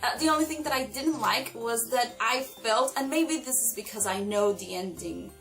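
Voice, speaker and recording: An excitable young woman reviews her recent reads in a casual vlog, her slightly high voice bubbling with enthusiasm. She sounds a little distant from the microphone, with faint music playing underneath. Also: normal speed. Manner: gushing, excitable, animated. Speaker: book vlogger.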